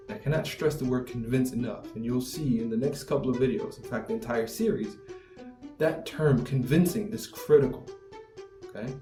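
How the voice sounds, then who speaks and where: A man's voice: mid-range voice, dark tone. A man teaching academic writing, explaining step by step over slides and often checking in with "right?". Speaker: writing instructor. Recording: roomy echo, mic at a distance, faint music.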